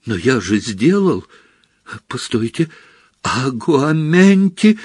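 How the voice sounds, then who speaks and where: A man voicing a desperate teenage boy wizard who pleads and shouts frantically. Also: a little high, big pitch swings, takes it slowly, husky, no echo, clean studio sound, pitched above the performer's own voice, exaggerated voice.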